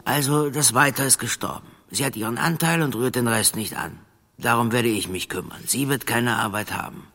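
In a German crime radio drama, a man plays a smug, menacing gangster boss, his phrasing oily, chummy and hesitant. His medium-pitched voice moves at a moderate pace with a bright, forceful tone. A long, reverberant hall sound surrounds the recording.

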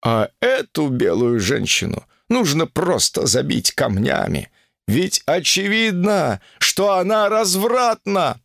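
A man reading an audiobook and voicing a pompous, fanatical male guru who preaches against women in a drawn-out, sanctimonious way. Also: a little high, sing-song, gravelly, fairly bright tone, no echo, clean studio sound, full character voice. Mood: self-righteous.

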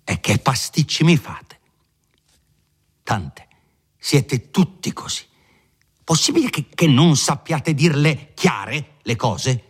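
A man's voice: low-pitched, lively intonation, slow, darkish tone. A man voicing a pompous older country lawyer in an audiobook reading, patronizing at first, then blustering and dismissive.

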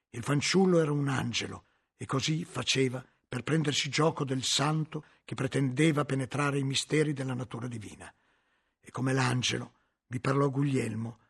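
A man narrating a novel as an audiobook, in a measured, dramatic storytelling manner with a gravelly, husky voice. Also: medium pitch.

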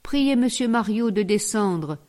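A woman's voice: mid-range voice, expressive, measured pace, a little mellow, close to an everyday voice. A woman reading the part of a proud young lady of a grand house, speaking curtly and with dignity. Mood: stern. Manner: curt, dignified.

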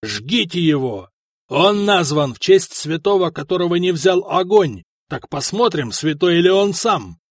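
A man voicing a cruel, imperious bearded prefect who speaks in a booming, commanding voice. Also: expressive, moderate pace, dry recording, studio quality. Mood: furious.

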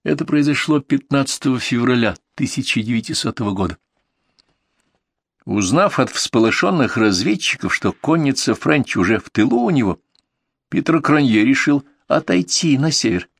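A man reading a historical war novel aloud as an audiobook narrator, in a measured, steady storytelling manner. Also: mid-range voice, husky, no echo, clean studio sound. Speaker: audiobook reader. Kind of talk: scripted narration of historical prose.

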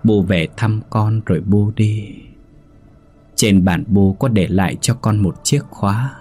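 A man voicing the ghost of an old mother-in-law in a horror story, speaking in a deep, hollow, strained voice. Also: measured pace. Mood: mournful. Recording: soft background music.

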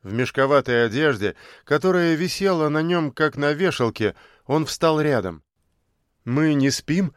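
A man narrating an audiobook in a steady, measured storytelling manner. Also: fairly high pitch, smooth, dry recording, clean studio sound.

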